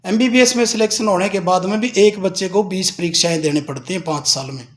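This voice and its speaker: A man with a high voice speaks earnestly to parents, giving advice in a plain, informal way. He is middle-aged and often reels off numbers as he makes his case. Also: fast. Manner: earnest, advising, reels off figures. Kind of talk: informal address at a protest.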